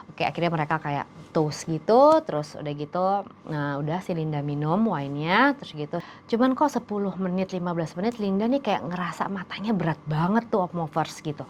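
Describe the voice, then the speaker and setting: A woman's voice: on the low side, animated, a little fast, slight background noise. Woman, storyteller, casual narration, chatty, talks to listeners. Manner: chatty, addresses listeners directly, many fillers.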